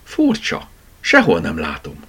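A man voicing a small sick girl in a children's storybook, high and childlike. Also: huge pitch swings, gravelly, fairly bright tone, breathy edge, exaggerated voice. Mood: puzzled. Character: sick little girl in bed.

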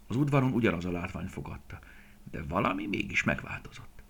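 A man's voice: low voice, vocal fry, husky. A man narrating a children's story expressively, often dropping to a whisper.

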